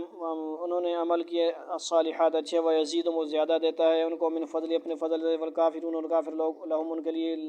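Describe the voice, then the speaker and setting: Male Quran teacher in a classroom, slightly high, steady voice, dull recording. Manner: recites Arabic quickly, then explains slowly in Urdu with questions to the class. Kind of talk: Quran translation and grammar lesson to students. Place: classroom with students.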